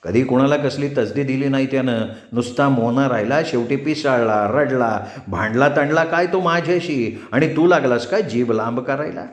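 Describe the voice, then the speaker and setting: A hot-tempered old villager on crutches, as a storyteller puts him on, raising his voice in coarse, scolding outbursts. The voice sits noticeably higher than the narrator's own, with a middling pitch base underneath. The recording carries a roomy echo. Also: normal speed, few pauses, natural voice. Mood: angry.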